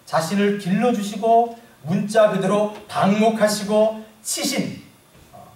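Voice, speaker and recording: Male pastor, high-pitched voice, preaching with slow emphatic readings; mic set back in a roomy church. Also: far from the mic. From South Korea. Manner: slow, emphatic scripture reading with congregation asides. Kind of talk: sermon.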